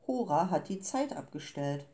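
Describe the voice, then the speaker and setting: A woman's voice: on the low side, animated, moderate pace, dark tone, close to an everyday voice. A woman reading the lines of cold, businesslike grey men who steal time, in a clipped, formal manner. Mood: panicked. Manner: clipped and formal, turning panicked.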